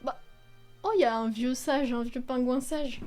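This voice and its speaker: A young woman with a high, light voice talks her way through a video game in loose, chatty commentary. She exclaims often and swears freely. Faint game music plays quietly behind her. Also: fairly even intonation, measured pace. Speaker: video game let's player. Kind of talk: casual gameplay commentary.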